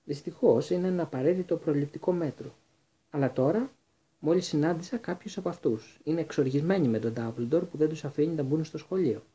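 A man reading the part of a pompous, ingratiating middle-aged male wizard minister in a storybook, in a dark, husky voice. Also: on the high side, voice pushed up. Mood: confiding.

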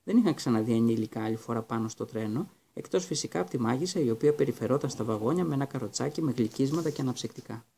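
A man narrating an audiobook with a dark, mellow voice. He reads in a steady, even storytelling manner at a medium pitch. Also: gravelly, few pauses, husky.

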